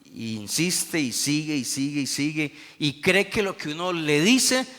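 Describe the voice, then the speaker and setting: A man's voice: a little high, lively intonation, measured pace, a bit bright, in a large hall. A man, preaching a Sunday school sermon emphatically and calling out "amén" to the congregation. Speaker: pastor.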